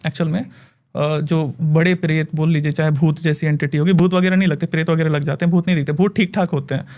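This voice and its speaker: A man who works as a spiritual healer, telling a story in an animated way and often laughing, in a casual podcast chat. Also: on the high side, fast talker.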